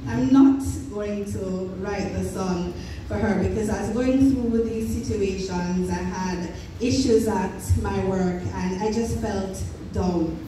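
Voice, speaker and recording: A woman's voice: mid-range voice, takes it slowly, few pauses, slight background noise. Woman storyteller in an echoey church. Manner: animated storyteller quoting herself. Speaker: music ministry leader. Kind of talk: storytelling interview. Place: large church hall. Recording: echoey hall from far off.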